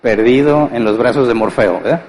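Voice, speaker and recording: A man preaches a Sunday sermon at a middle pitch. He keeps posing questions to the congregation and answering them himself. His voice carries a long reverb from a church hall. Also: moderate pace, a little mellow. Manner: conversational, asks rhetorical questions and answers them; acts out household scenes with humor. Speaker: pastor.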